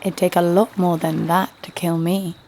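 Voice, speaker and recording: Playing a fearless bounty hunter in a first-person audio drama, this woman narrates wryly with dry, sardonic snark. Her natural voice sits on the low side, flat and darkish, at a moderate pace. Music plays beneath her, along with a little hiss or hum.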